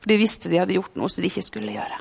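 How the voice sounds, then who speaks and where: A woman preaching a sermon with a mix in her speech, fervent, swinging between loud calls and hushed whispers. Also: mid-range voice, fairly even intonation, vocal fry, slight background noise. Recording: long hall reverb.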